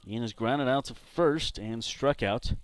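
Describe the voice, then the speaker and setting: A man from San Diego doing play-by-play commentary for a baseball game, chatting between pitches. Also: unhurried, clear, resonant tone, dry recording. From San Diego, California. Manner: relaxed, chatty between pitches, jumps up loud on big hits. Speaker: play-by-play announcer.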